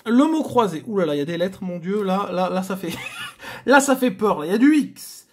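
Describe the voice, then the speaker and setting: A man's voice: high voice, expressive, fairly quick, slight background noise. Chatty man groaning over scratch cards. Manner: chatty, theatrical, addresses viewers, frequent groans. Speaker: host. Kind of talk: scratch-card video commentary.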